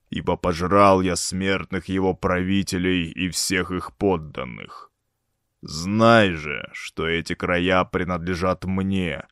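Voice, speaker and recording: A man plays a monstrous grey grave-worm lord, enthroned and menacing, pronouncing sentence in a deep, slow, soft-spoken drawl. The recording is close and dry. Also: clear, resonant tone, no room sound, heavily acted. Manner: slow, solemn, dread-filled pronouncement.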